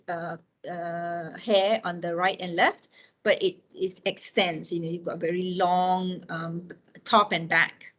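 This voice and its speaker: In a fairly low, fairly bright voice, a woman in her fifties talks through an informal lecture built around personal anecdotes. She keeps it conversational and often checks in with her audience.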